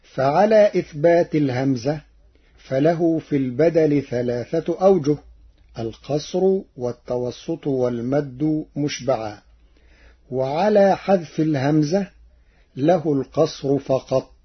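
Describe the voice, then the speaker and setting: A man lays out Quran recitation rules in a careful, methodical lesson, his voice husky and set a little high. He speaks very slowly. The recording is dull and lo-fi. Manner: measured, methodical explanation. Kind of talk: explaining recitation variants with chanted examples.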